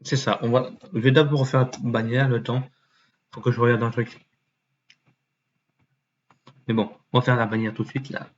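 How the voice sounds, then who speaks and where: A man talking to himself as he browses, muttering, trailing off and now and then swearing. He sometimes jumps into a mock high voice. The mic sounds dull and lo-fi with a faint hiss behind him. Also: flat delivery, moderate pace, long pauses. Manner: mutters and thinks aloud, with fillers and swearing. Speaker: YouTuber. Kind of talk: casual screen-recording commentary.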